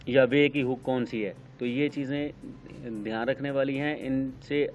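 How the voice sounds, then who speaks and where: Brief: Pakistani male tutor, even monotone delivery, slow step-by-step explanation, dull lo-fi recording. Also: medium pitch, soft background music. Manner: unhurried, explains step by step with many pauses and fillers. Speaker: shorthand teacher. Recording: dull lo-fi sound with faint noise.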